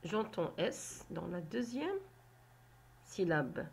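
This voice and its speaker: A woman teaching a phonics lesson to children, sounding out syllables slowly and deliberately. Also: on the low side, very animated, creaky, darkish tone, slight background noise. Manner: slow, deliberate, spelling out syllables.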